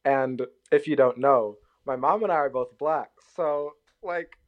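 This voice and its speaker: A man's voice: mid-range voice, a little slow. A man recounting an event as a podcast guest, amused and rambling. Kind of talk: casual storytelling. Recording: slightly dull lo-fi sound.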